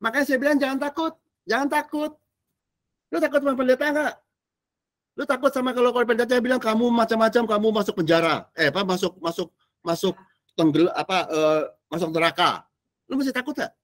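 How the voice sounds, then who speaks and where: Slangy pastor preaching casually. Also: male voice, extremely high pitch, fairly quick. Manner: casual slangy preaching, quizzing the audience, animated swings between loud and soft. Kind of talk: sermon teaching a discipleship class.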